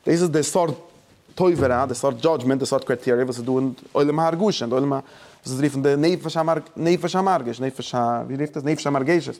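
Man, religious study lesson, emphatic explaining, halting restarts, mixes in English words, mid pitch. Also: darkish tone. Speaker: teacher.

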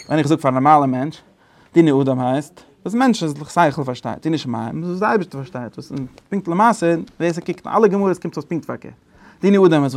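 Gravelly-voiced man teaching a Torah class. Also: mid-range voice. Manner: thinking aloud, halting restarts, sudden emphatic bursts. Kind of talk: spoken Talmudic lecture.

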